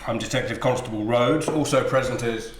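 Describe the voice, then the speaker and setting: An actor playing a firm, procedural detective constable. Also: male voice, mid-range voice, brisk, natural voice. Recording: echoey room with faint noise.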